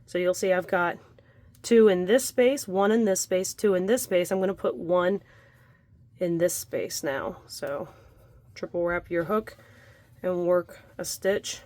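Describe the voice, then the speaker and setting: A woman's voice: fairly low pitch, a little slow, darkish tone. A young adult woman leading a casual crochet tutorial at home, chatty and laughing often, breathing heavily from the effort. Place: home room by a window.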